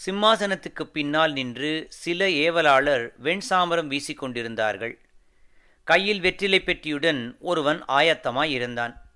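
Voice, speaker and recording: A man narrating an audiobook of a historical novel in a measured, formal storytelling manner. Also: fairly high pitch, animated, bright, forceful tone, clean tone.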